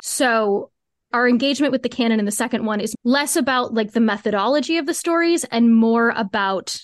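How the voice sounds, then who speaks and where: A woman with a fairly high voice, recorded dry in studio quality, appears as a guest on a conversational podcast interview. She's a co-creator of a fiction podcast and gives earnest, reflective answers at length.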